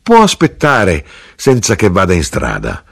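A man's voice: low voice, wildly swooping pitch, a little slow, gravelly, fairly bright tone, slightly rough, full character voice. A man doing a coy, giggly widow. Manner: laughing, bashful protests. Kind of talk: audiobook reading.

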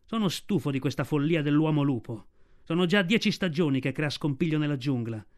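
A man's voice: a little high, expressive, fairly quick, darkish tone, lightly acted. A man voicing a menacing, scheming male tiger who speaks with growling contempt in a storybook reading. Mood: contemptuous.

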